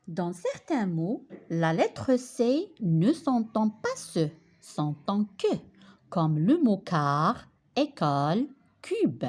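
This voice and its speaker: Woman, remote French teacher, slow and patient, bright animated intonation. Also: medium pitch. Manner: slow, patient, repeats and checks with "d'accord?". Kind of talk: remote French phonics lesson.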